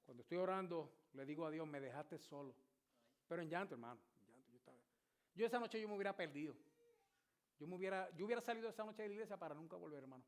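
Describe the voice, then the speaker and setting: A man's voice: high-pitched, expressive, very fast. A man in his sixties, a pastor preaching a sermon with vivid, emphatic storytelling. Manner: storytelling, emphatic, shouts at climaxes.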